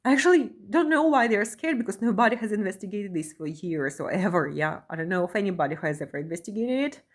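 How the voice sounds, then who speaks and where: A woman's voice: mid-range voice, animated, fast talker. A woman from Russia who talks earnestly while reading a document aloud, often ending phrases with a questioning "yeah?" and repeating herself. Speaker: vlogger, asylum seeker.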